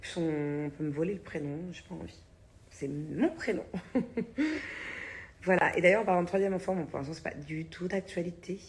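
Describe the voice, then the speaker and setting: A woman's voice: low-pitched, moderate pace. A woman in her thirties chatting casually to her followers in a vlog, blunt and chatty, swearing and laughing often. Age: 30s. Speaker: vlogger.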